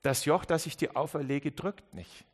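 A man preaching a Christmas sermon, speaking straight to the listener with many restarts and swings between quiet and emphatic passages. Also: on the high side, normal speed, slightly rough. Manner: earnest, direct address with many restarts.

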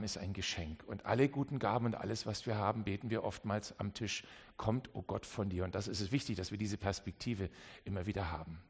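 A man preaching a sermon, who swings between loud calls and quiet asides and acts out the voices in his examples. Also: fairly low pitch, breathy edge. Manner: dramatic, acts out voices in dialogue.

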